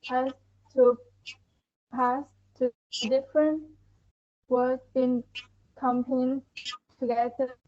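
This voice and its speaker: A woman student introducing her presentation in slow, broken phrases. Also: high voice, flat delivery, no echo. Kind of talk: class presentation. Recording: muffled, dull recording.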